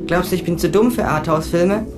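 A man's voice: sits high, fast talker, music in the background, pitched above the performer's own voice, close to an everyday voice. A man voicing a chatty, naive young woman student in a comic audiobook reading, chirpy and curious.

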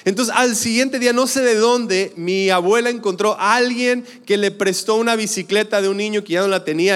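A young man with a Mexican accent tells a personal story in a high, smooth voice. His delivery is loose and conversational, with many fillers. The sound rings with a long hall reverb. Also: a bit bright. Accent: Mexican Spanish. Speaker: speaker. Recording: echoey hall.

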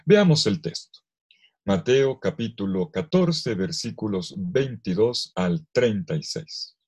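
A priest giving a scripture lesson to clergy, reading aloud with expressive emphasis and acting out the quoted lines. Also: male voice, fairly low pitch, takes it slowly, husky.

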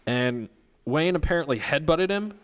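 A man's voice: fairly high pitch, expressive, normal speed, smooth. A man hosting a casual podcast, telling gossip stories in a laid-back way and cursing freely. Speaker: podcast host.

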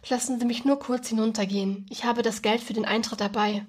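Lady reading an old guy with a cane, soft dark voice, kinda begging to be let in, a bit husky, pitched up. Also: steady tone, brisk. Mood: gentle, polite. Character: old man with a cane, gentle and pleading.

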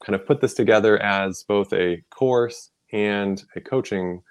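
A man who is a physician and coach, talking as an interview guest in a relaxed, measured way. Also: fairly low pitch, smooth. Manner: relaxed and measured, explains steadily with some fillers. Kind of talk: casual interview conversation.

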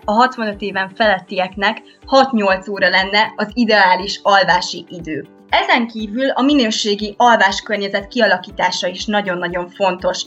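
A woman answering interview questions as a sleep expert, calmly explaining and giving practical tips. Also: medium pitch. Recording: dull lo-fi sound with faint music.

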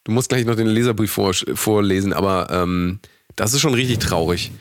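A man's voice: lowish voice, moderate pace. A young man co-hosting a podcast, rambling and joking in a casual chat with playful mock outrage. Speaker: podcast co-host.

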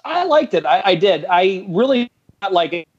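Higher-voiced male co-host, slightly muffled. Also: sing-song, normal speed, breathy edge. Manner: informal, peppered with 'like' and 'you know'. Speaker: podcast co-host. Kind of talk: casual chat. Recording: dull, slightly lo-fi microphone sound.

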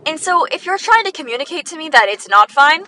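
A woman's voice: high-pitched, very animated, distant mic, noisy background. A sixteen-year-old girl rambling casually on her podcast, full of likes and little laughs. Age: teens, sixteen. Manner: chatty, many likes, quick laughs, self-deprecating. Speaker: podcast host.

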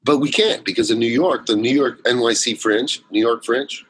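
This low-quality recording captures a man of medium pitch speaking at normal speed, his voice slightly rough. As an interview guest he chats casually about his solo theater work, telling long, wandering stories riddled with fillers and restarts.

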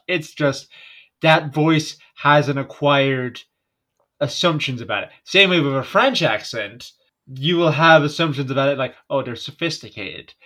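A man's voice: a little high, a bit bright. A man co-hosting a podcast in casual chat, joking and swearing with plenty of laughter. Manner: jokey, swears, laughs a lot. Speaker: podcast co-host.

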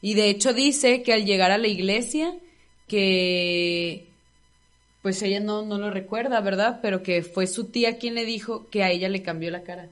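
A young woman, co-hosting a podcast in relaxed casual chat, often adding short reactions. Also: medium pitch, normal speed. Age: young adult. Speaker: podcast co-host.

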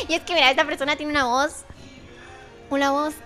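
A woman's voice: high-pitched, sing-song, normal speed, fairly bright tone, soft background music. A young woman, hosting a casual podcast chat, telling stories, laughing often and acting out quoted dialogue. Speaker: podcast host.

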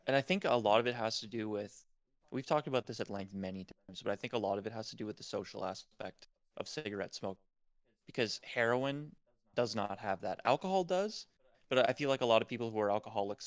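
A man works through his ideas in relaxed, meandering sentences, often stopping to restart. His voice is on the low side. The recording is dry and close. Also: brisk, no echo, dull audio. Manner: explains in long hedged sentences with many likes and restarts. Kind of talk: casual chat.

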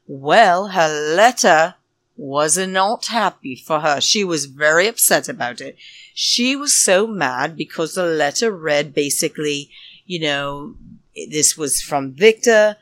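A woman's voice: sits low, animated, slow pace, a bit bright, no room sound. Catty woman ranting on a podcast. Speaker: podcast host. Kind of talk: solo podcast recap.

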